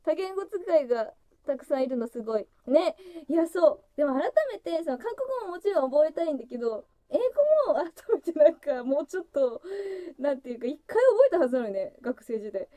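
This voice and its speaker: A woman in her thirties chats on a casual solo livestream, her high voice leaping around and often spilling into giggles. Her tone is mellow and soft, and the recording is close and dry with no room sound. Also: expressive, a little fast, dry recording. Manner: chatty and giggly, breaks into frequent laughter, voice jumping high. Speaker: livestream host opening fan gifts.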